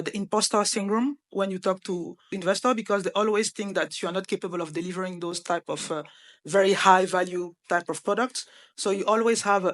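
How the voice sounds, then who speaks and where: A woman's voice: medium pitch, fairly bright tone. A woman from Cameroon, a startup founder speaking earnestly on a panel with frequent hesitations. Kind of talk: panel discussion.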